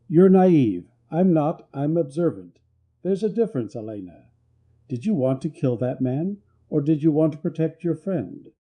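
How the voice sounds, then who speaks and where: A man's voice: on the high side, animated, moderate pace, dark tone. A man voicing a lonely mountain man who talks in terse, guarded lines.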